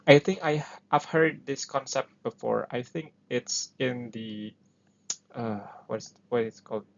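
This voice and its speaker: Speaking English as a second language with an Indonesian accent, a man hosts an explainer in a gravelly, medium-pitched voice at an unhurried pace. He thinks aloud in a relaxed, hesitant way with many fillers. The recording sounds dull and lo-fi.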